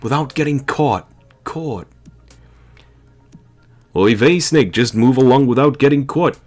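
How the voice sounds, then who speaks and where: A British man voicing a nerdy, excitable male hacker sidekick during a game playthrough. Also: medium pitch, unhurried, faint music behind, voice pushed up, close to an everyday voice. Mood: fussy.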